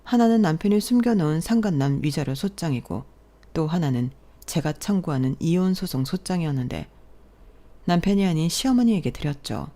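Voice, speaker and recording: A woman narrates her own story in a steady, measured way. Her voice is mellow and sits on the lower side for a woman. The delivery is an unhurried radio-drama reading.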